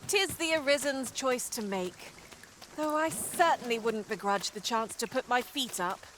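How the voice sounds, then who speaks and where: A woman's voice: a little high, unhurried, fairly bright tone. A woman voicing a loyal companion in a fantasy game, talking in old-fashioned, formal phrases. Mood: earnest. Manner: archaic formal speech. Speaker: pawn companion. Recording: rain and game noise behind.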